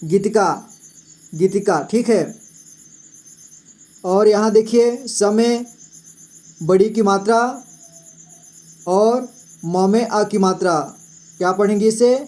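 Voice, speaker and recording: A man's high, slightly mellow voice moves slowly, with long pauses, as he teaches children to read Hindi. The patient lesson has him spelling words out letter by letter and often saying "ठीक है".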